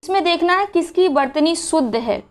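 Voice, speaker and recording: A woman's voice: very high-pitched, lively intonation, moderate pace, faint music behind. A woman teaching a spelling lesson for exam preparation, explaining step by step and asking and answering her own questions. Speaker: Hindi teacher.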